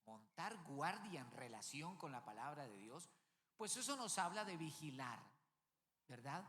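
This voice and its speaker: A man's voice: on the high side, sing-song, measured pace, fairly bright tone. A man preaching a sermon as pastor, emphatic, repeating key words and checking in with the congregation. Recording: long reverb of a large hall.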